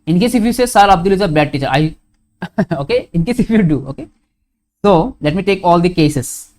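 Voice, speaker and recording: A man's voice: high-pitched, animated, a little fast, a little mellow. A man teaching a grammar lesson, putting questions to his students and answering them himself, often stopping to correct himself and saying "okay.". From India.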